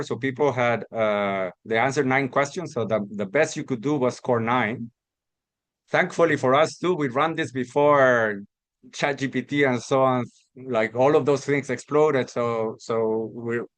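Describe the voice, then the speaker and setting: A man's voice: mid-range voice, dry recording. A man from Costa Rica giving an academic research talk, explaining step by step with many restarts and repeated words. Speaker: academic presenter.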